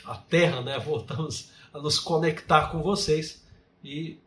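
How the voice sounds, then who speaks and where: A man's voice: on the high side, a little slow, a bit bright, a little hiss or hum. A Brazilian man teaching a creative writing class, explaining poetic forms and often adding "né?" to his sentences. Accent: Brazilian Portuguese. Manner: frequent tag "né?", recites his own poems with feeling. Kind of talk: online course lecture. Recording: echoey room.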